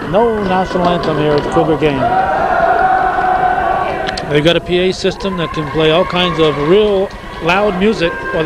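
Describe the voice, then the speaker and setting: A man with a folksy local public access TV host manner, giving live basketball play-by-play commentary. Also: a little high. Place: indoor gymnasium during a game. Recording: noisy gym with loud crowd and ball bounces. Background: crowd noise and bouncing basketballs.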